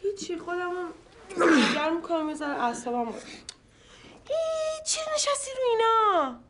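An actress playing an upset young wife, worn out from crying, moody and snapping. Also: female voice, very high voice, big pitch swings, fairly bright tone, slight background noise, full character voice. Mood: weary.

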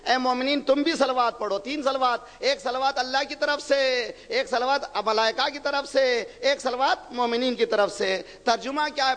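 A man preaching an impassioned sermon, firing rhetorical questions at the audience and swelling to shouts. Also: very high voice. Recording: long reverb of a large hall.

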